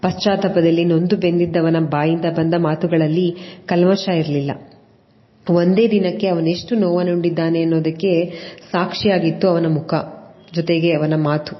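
A woman narrates a serial story in a steady, dramatic read. Her voice sits low. The recording sounds dull and lo-fi, with a long reverb trailing after her words. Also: moderate pace.

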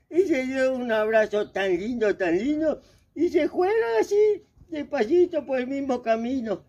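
A man telling a children's story, chatty and lively, asking the listeners questions. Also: extremely high pitch, measured pace, muffled recording. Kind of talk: children's storytelling at a book fair.

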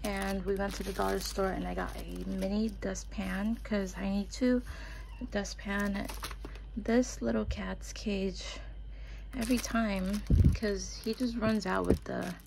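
A woman's voice: medium pitch, little pitch movement, a little slow, creaky, noisy background. A woman vlogger chatting casually at home while showing off her purchases to the camera. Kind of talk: casual vlog chat. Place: home, indoors.

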